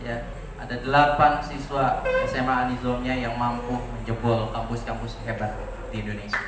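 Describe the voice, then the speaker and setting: A man in his forties, a teacher, giving a lively farewell speech to his graduating students and telling stories with rhetorical questions. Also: medium pitch, normal speed, distant mic, very noisy. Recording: echoey room, voice from afar, audible ambience.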